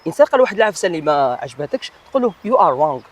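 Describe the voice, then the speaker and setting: A man teaching English pronunciation in a casual video lesson, slowing down to spell out each example word. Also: a little high, big pitch swings. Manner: switches between dialect and slow, over-articulated English examples.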